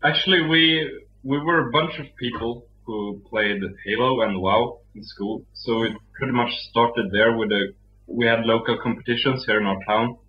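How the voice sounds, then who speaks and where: Young Swedish-accented man, soft-spoken and relaxed, interview guest, muffled low-fi audio. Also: moderate pace. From Sweden. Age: young adult. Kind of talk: casual interview.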